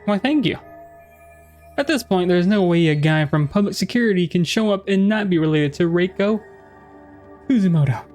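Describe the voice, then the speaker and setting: A man's voice: high-pitched, animated, moderate pace, long pauses, a little mellow. A man giving casual let's play commentary as he reacts to a video game. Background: video game music.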